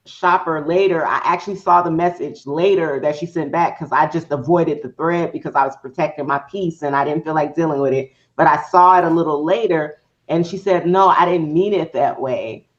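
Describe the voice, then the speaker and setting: A woman hosting a casual chat, telling a story in a rambling way and acting out her own thoughts as quotes. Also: low-pitched. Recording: dull, lo-fi sound.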